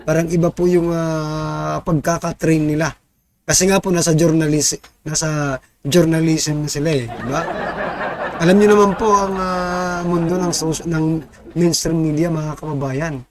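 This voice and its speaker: A Filipino man with a somewhat higher voice speaks directly to his listeners, preachy and insistent. Faint background noise sits under his casual political commentary. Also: fairly even intonation, a little slow, darkish tone. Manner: preachy, addresses listeners directly, tags questions.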